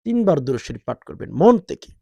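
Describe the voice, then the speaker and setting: A male Islamic preacher who talks quickly and urgently, then recites prayers slowly in drawn-out chant. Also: on the high side, sing-song, creaky, warm tone, no echo. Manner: fast urgent Bengali talk, slow drawn-out recitation. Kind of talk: sermon with chanted Arabic prayers.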